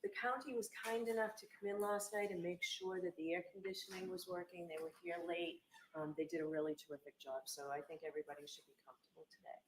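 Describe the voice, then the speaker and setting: A woman's voice: on the low side, fairly even intonation, fast talker. A woman with an American accent speaking as a judge, addressing jurors and counsel in a courtroom. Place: large indoor courtroom. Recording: echoey courtroom, background noise.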